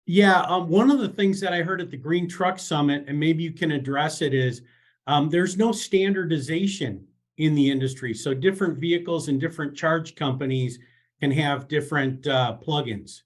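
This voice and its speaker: A man's voice: fairly high pitch, normal speed. A man hosting an interview podcast, asking questions in a friendly, upbeat way. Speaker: podcast host.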